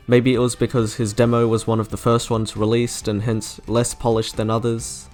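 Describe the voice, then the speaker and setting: Over background music, a man with a lowish, darkish voice delivers scripted commentary as host of a video that reviews game character trailers.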